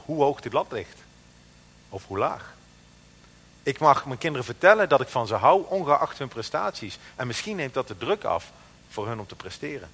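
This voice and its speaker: A man in his thirties preaching a sermon, emphatic and animated, slowing down to stress the scripture he quotes. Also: mid-range voice, husky, in a large hall.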